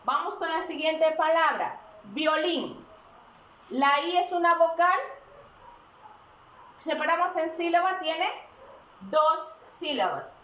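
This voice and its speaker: A woman teaching a recorded grammar lesson, asking questions and answering them herself in a deliberate, step-by-step way. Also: very high-pitched, expressive, pushed and bright, a little hiss or hum. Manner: slow and deliberate, asks and answers her own questions. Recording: echoey room, mic at a distance.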